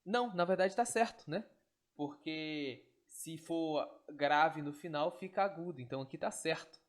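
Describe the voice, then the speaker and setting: A man's voice: on the high side, a little slow. Guy teaching online, step by step, keeps checking u got it. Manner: patient, step-by-step, checks with tag questions. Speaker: Greek teacher. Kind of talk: online lesson explaining on screen.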